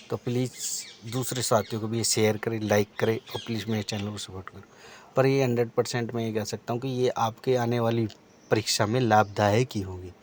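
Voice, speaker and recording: A man's voice: lowish voice, a little hiss or hum. A man teaching exam preparation, reading out multiple-choice options and then explaining the right answer.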